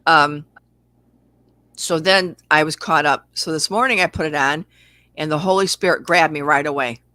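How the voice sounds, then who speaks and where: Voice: medium pitch, moderate pace, pushed and bright, dry recording. A livestream host chatting candidly and at length with a caller and reading out viewer comments. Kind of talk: casual spiritual chat.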